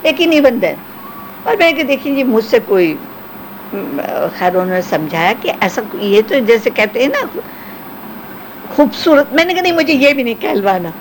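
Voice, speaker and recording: An older woman who once acted in films reminisces in an interview, animatedly acting out the voices of the people she quotes. Her voice is a little high, and the rough recording has some hiss or hum.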